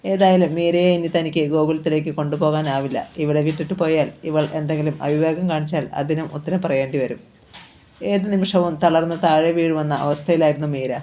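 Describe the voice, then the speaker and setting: A reader narrating a novel aloud in a steady storytelling manner. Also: medium pitch, a little fast.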